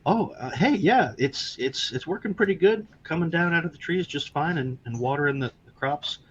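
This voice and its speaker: An easygoing farmer villager, raised in pitch and a little halting, as a man puts him on for a tabletop game. The sound is dull and lo-fi, with a faint hiss behind the voice. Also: animated, natural voice. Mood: friendly.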